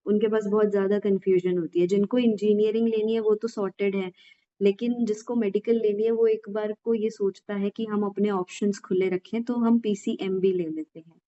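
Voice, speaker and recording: A woman's voice: mid-range voice, fairly even intonation, moderate pace, dark tone. A woman hosting a podcast, asking questions and encouraging the guest with frequent agreeing murmurs. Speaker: podcast host. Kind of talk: casual interview questions. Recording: dull, lo-fi audio.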